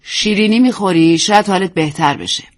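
A woman voicing a brisk, bossy hostess who talks loudly and commandingly. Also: mid-range voice, natural voice. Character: brisk, bossy hostess calling to her maid.

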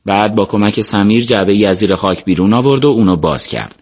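A man with a fairly low voice reads a serialized book aloud. His telling is steady and even, walking through each scene in plain storytelling. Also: slightly rough. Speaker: audiobook narrator.

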